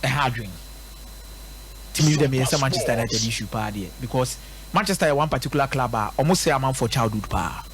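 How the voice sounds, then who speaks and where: Brisk and mid-range in pitch, a man with a Ghanaian accent analyzes football live on the radio as a sports pundit. He mixes English with a local language, emphatic throughout and repeating points rhetorically for effect.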